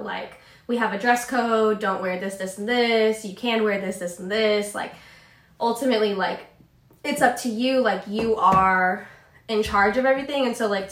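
A young woman guest chatting casually and telling animated, giggly, self-mocking stories, saying "like" very often and acting out quotes. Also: medium pitch. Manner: says like a lot. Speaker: podcast guest. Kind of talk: casual chat, animated storytelling. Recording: echoey room.

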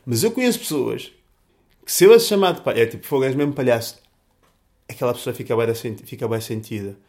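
A young man with a European Portuguese accent talks through his thoughts in a loose, casual monologue. He speaks at a middling pitch, leaning heavily on slang, fillers and restarted phrases as he goes. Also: big pitch swings, fast, a little mellow.

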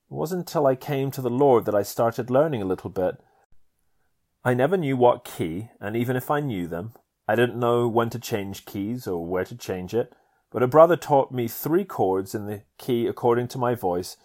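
A man's voice: medium pitch, a little mellow. A man from Canada reading a chapter of his memoir aloud, earnest and testimonial. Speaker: narrator.

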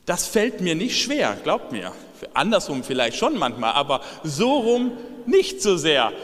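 A man preaching a sermon as pastor, in a lively way that swings from soft lines to shouted ones. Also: a little high, a little slow, in a large hall.

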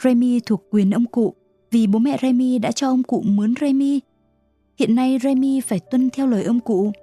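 A woman voicing a gentle, kind noble mother who speaks in a soft, soothing way. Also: a little high, steady tone, moderate pace, no room sound, soft background music, pitched above the performer's own voice, lightly acted.

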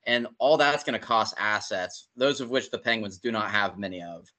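Man, bright tone, animated, reads hockey stats, swears, casual chat. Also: lowish voice, moderate pace. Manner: animated, swears, rattles off statistics. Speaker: podcast co-host. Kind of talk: casual sports talk.

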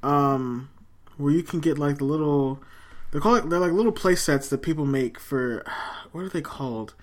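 A woman's voice: low-pitched, moderate pace, darkish tone. A woman co-hosting a casual chat, loose and chatty with lots of fillers and the odd swear. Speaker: podcast co-host. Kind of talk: casual chat about games.

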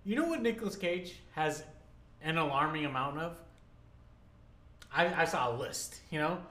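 A man's voice: fairly high pitch, expressive, normal speed, pushed and bright, echoey room. A man co-hosting a casual podcast, laid-back, mostly giving short agreeing replies. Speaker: podcast co-host.

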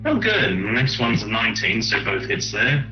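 A man's voice: lowish voice, fairly quick. A man chatting casually and wryly as a player in a tabletop game. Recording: roomy echo, slightly dull lo-fi. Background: music.

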